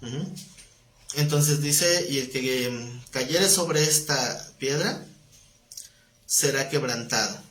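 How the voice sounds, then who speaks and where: A man's voice: mid-range voice, slow, long pauses, fairly bright tone. A Bible teacher talks his class through a lesson in an easy, conversational way, tossing them questions and the odd joke. His mid-range voice rings in an echoey room over faint background noise. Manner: conversational, quizzes the class, jokes. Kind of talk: live Bible class lecture. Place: classroom with students.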